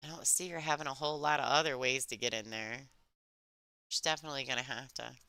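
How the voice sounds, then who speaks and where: A woman commentating live on a pool match in a restrained, soft-spoken golf-commentator voice, chatting conversationally as she follows the play. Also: very deep voice, fairly even intonation, fast, clean tone, no echo. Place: alone in a chilly room.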